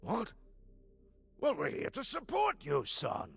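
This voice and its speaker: A man's voice: sits high, huge pitch swings, slow pace, vocal fry, fairly bright tone, husky, full character voice. A man voicing a proud, bombastic father with a dramatic, effusive manner in a video game. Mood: effusive, confiding.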